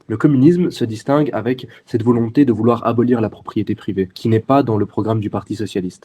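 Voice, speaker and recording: Earnest young Belgian man, dark voice. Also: mid-range voice, slightly rough. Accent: Belgian French. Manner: earnest, explanatory, many fillers and restarts. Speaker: guest, youth party section president. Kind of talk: interview answers.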